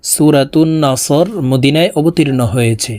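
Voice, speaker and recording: A woman teaching Quran reading, chanting verses word by word in long drawn-out phrases and explaining the rules. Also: low voice, darkish tone. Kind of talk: melodic Quran recitation with spoken tajweed explanations.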